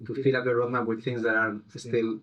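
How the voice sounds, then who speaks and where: A man's voice: mid-range voice, level tone, fairly bright tone, muffled recording. A man guesting on a podcast, explaining security thoughtfully with frequent halts and restarts. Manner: thoughtful, halting, many restarts while explaining. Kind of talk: casual interview chat.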